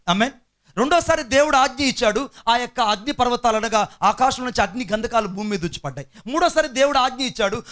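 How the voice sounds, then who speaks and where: Man preaching, high voice, exhorting, call-and-repeat, drawn-out scripture reading. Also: a bit bright. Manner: exhorting, calls the congregation to repeat after him; drawn-out emphatic phrasing when reading scripture. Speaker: pastor. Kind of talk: sermon.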